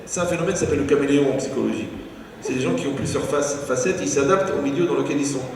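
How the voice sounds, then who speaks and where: Male rabbi lecturing, rapid humorous delivery, distant mic, long hall reverb. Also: fairly high pitch. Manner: animated, joking, mixes in Hebrew terms. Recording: echoey hall from far off, faint noise.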